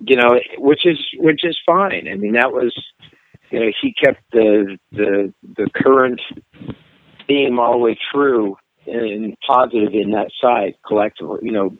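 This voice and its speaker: Over a dry, tinny phone line, a middle-aged singer gives a casual interview at an unhurried pace in a medium-pitched voice, frequently hesitating and restarting.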